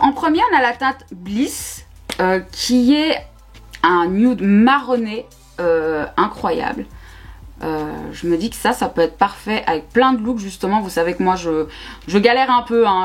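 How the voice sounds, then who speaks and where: A young woman, chatting casually through a makeup review with lots of fillers and repeated words. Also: mid-range voice. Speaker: beauty vlogger.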